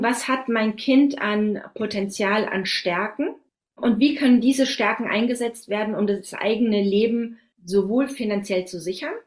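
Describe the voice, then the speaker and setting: A woman in her forties, an author on skilled trades, answering interview questions in an emphatic, persuasive way. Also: fairly high pitch. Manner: emphatic, persuasive, stresses points with "doch" and "so".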